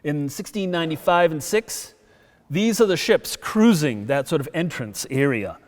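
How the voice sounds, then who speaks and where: A middle-aged man lecturing in a town hall, his voice sitting a little high for a man. He tells the history as a lively story, and the sound rings with long hall reverb. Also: normal speed. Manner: lively storytelling, acts out quotes. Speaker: guest lecturer.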